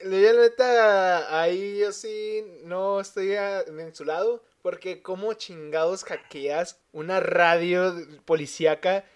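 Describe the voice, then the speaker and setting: A man's voice: high-pitched, steady tone, takes it slowly, few pauses, clean tone. A young man with a Mexican accent hosting a casual chat in slangy street talk. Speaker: host.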